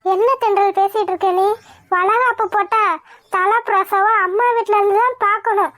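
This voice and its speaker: A fussy old cartoon grandmother scolds and pleads through tears, voiced by a woman. Her voice sits strikingly high and shrill. The sound is dry and close. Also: fairly even intonation, moderate pace, fairly bright tone, no room sound. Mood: pleading. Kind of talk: cartoon voice acting.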